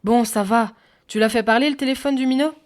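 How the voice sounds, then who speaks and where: A woman voicing a gruff middle-aged male detective who speaks firmly and curtly. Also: fairly high pitch, a little fast, voice pushed up, close to an everyday voice. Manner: firm and curt.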